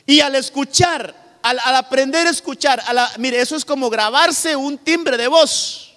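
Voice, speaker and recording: A man's voice: extremely high pitch, a little slow, pushed and bright. A male pastor from Honduras preaching a sermon with emphatic delivery, often calling out to his listeners directly. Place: church hall. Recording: long hall reverb.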